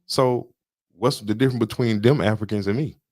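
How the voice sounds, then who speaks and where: A man's voice: fairly low pitch, a little fast, darkish tone, no room sound. A man co-hosting a podcast, lecturing emphatically in casual political talk and repeating his points. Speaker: podcast co-host. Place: studio booth.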